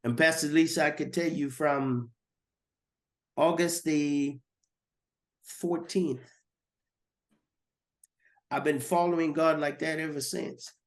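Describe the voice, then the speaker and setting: A man's voice: fairly high pitch, fairly even intonation, slow pace, pauses often. A man giving a personal testimony as a guest, earnest and repeating words as he goes.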